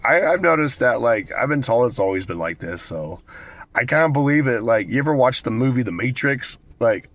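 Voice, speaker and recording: An American man in his twenties with a cold and a raspy smoker's voice, chatting casually and candidly to viewers with plenty of swearing. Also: medium pitch, expressive, fairly quick, fairly bright tone. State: hoarse with a cold, smoker's rasp. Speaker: vlogger. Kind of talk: casual rambling talk to viewers.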